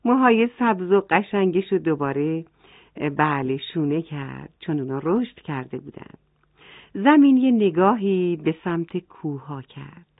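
A woman's voice: fairly low pitch, lively intonation, dry recording. Woman telling a children's story, tinny. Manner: gentle, addresses children. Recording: tinny phone-like dry sound.

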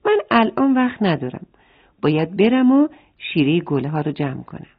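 A hurried little bee from a children's storybook, speaking in a high, lively voice, as a woman puts it on. The sound is narrow and phone-like. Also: breathy edge, heavily acted. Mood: busy.

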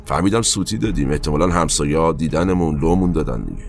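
A man narrating his own past in a colloquial, halting way, with asides and trailing fillers, over faint background music. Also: a bass voice, expressive, gravelly, slight background noise. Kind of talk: first-person spoken recollection.

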